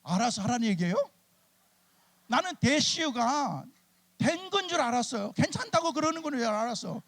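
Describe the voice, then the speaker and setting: A middle-aged male pastor telling chatty, animated stories in a sermon and acting out his church members' lines. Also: very high voice, moderate pace. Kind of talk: humorous storytelling sermon. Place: church sanctuary at a summer revival meeting.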